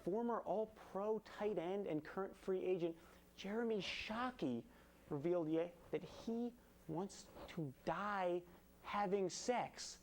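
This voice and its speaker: A man's voice: high-pitched, slow, a little hiss or hum. A young man hosting a late-night show, delivering a monologue of punchy topical jokes from a studio stage. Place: student TV studio with painted skyline set.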